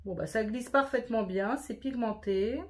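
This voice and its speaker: A woman's voice: fairly high pitch, normal speed. A woman chatting through a makeup tutorial in a casual, self-deprecating way, sprinkling in English words. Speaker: beauty vlogger.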